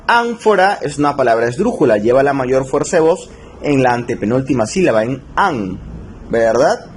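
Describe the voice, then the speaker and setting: A man teaching a recorded spelling lesson, slowing down to stress key rules and checking in with his students. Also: medium pitch, big pitch swings, slight background noise. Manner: slow, stretched emphasis on key rules, frequent check-ins. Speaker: language teacher.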